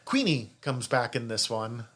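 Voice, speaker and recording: A man's voice: medium pitch, very animated, unhurried, a bit bright. A man co-hosting a podcast, chatting casually about a TV series, swearing freely and laughing often. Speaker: podcast co-host. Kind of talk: casual review chat.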